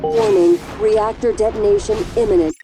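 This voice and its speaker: A woman voicing a calm female space station computer that gives measured automated warnings over a station loudspeaker. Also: medium pitch. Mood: calm alert. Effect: station loudspeaker announcement. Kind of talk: game voice acting. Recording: distant speaker under loud music. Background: loud game music.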